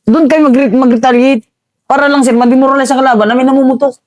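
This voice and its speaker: A man, an army veteran, recounting combat in a casual interview, halting and calling the host "sir" again and again. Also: very high voice, fairly even intonation, no room sound.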